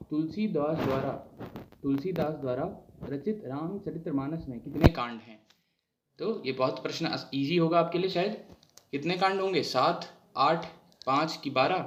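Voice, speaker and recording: A man's voice: a little high, fairly bright tone. A man teaching an online exam-prep lesson, asking questions aloud and then answering them himself.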